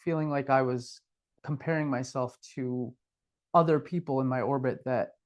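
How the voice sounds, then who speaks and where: A man's voice: medium pitch, fairly even intonation, normal speed, muffled recording. A middle-aged man co-hosting a podcast, talking candidly and reflectively about his past, with a self-deprecating streak. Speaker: podcast co-host. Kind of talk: casual conversational podcast.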